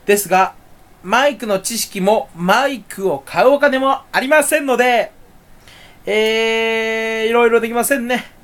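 A man talking to himself in a rambling solo monologue. He is self-mocking and erratic, swinging from loud outbursts to low mutters. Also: normal speed. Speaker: solo talk channel host.

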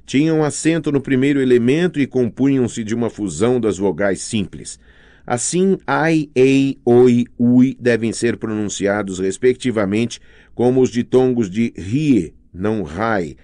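Slow, measured Brazilian male narrator. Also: on the low side, a little mellow, no room sound, clean studio sound. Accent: Brazilian Portuguese. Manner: slow, careful reading that spells out sounds. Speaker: audiobook narrator. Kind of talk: scripted narration.

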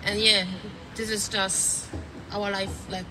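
A young woman with a Polish accent giving an earnest, halting personal testimony on a rainy city street, speaking into a handheld mic. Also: medium pitch, flat delivery. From Poland. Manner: earnest, halting, repeats phrases. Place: city street at night, in the rain. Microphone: handheld mic held by interviewer. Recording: noisy outdoor street recording. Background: street traffic.

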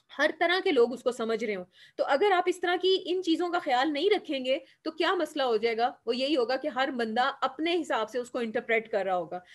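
A woman with a Pakistani Urdu accent giving a classroom lecture, explaining step by step, asking the class questions and answering them, and mixing English terms into her Urdu. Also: high voice.

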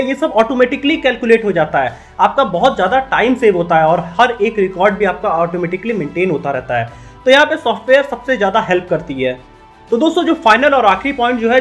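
Young man explaining business with energy. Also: sits high. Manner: brisk, addresses viewers as friends. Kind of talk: explainer video. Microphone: studio mic on desk.

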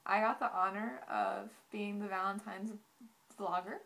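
A woman's voice: mid-range voice, steady tone, unhurried, gravelly, fairly bright tone. A woman in her twenties chatting informally to camera as a vlogger, rambling and saying "like" often. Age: 20s. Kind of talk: casual chat to camera. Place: small living room indoors.

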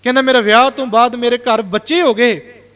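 A man's voice: very high voice, steady tone, brisk, a bit bright, big-room sound. A male Sikh preacher from Punjab telling a moral story in a sermon, constantly retelling what others said. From Punjab, India. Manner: retells reported speech with constant "he said" tags.

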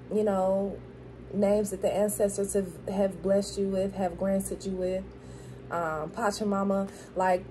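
A woman's voice: fairly low pitch, dark tone, a little hiss or hum, low-quality recording. A woman from Florida, talking with a dental grill in her mouth in a casual spiritual pep talk, repeating phrases for emphasis. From Florida, USA. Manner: affirming, repeats phrases for emphasis, checks in with "okay?". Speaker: spiritual tarot card reader.

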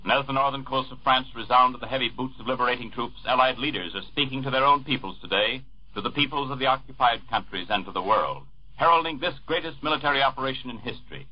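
A studio newscaster delivers bulletins formally and at a measured pace, his medium-pitched voice husky and slightly breathy. The sound is that of an old 1940s radio broadcast, dull and muffled with the high frequencies rolled off.

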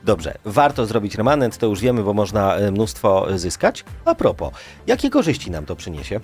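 A man's voice: lowish voice, big pitch swings, normal speed, darkish tone, faint music behind. A man hosting a radio talk show, asking leading questions and summing up what guests say. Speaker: radio host. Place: radio studio. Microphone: studio mic with headphones.

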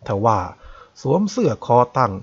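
A man calmly narrating a novel as a bedtime story. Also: a little slow. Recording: dull lo-fi recording.

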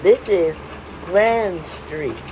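A woman making recorded subway train announcements, stop by stop in a flat, measured announcer delivery. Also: on the low side, a little hiss or hum, rough recording.

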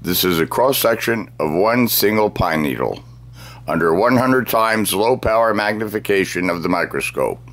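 A middle-aged man presenting a scripted science demonstration, speaking deliberately as if dictating, phrase by phrase. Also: lowish voice, expressive, fairly bright tone. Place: small cluttered indoor workroom.

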